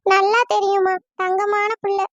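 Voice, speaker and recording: A woman voicing a calm, remorseful middle-aged aunt in a cartoon, explaining slowly and with regret. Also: very high-pitched, no room sound, highs cut off. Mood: soothing. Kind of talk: cartoon voice acting.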